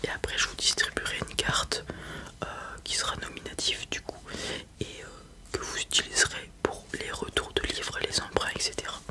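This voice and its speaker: Whispered role-play: librarian, fully whispered and breathy, polite customer-service patter. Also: moderate pace, bright, forceful tone. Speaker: ASMR performer playing a librarian.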